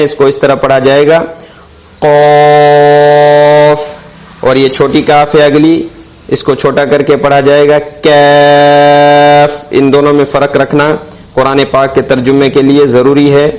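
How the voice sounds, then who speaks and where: A man's voice: medium pitch, little pitch movement, rough recording. A man teaching an alphabet reading lesson, explaining each letter and stretching the sounds out carefully. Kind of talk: slow instructional alphabet lesson.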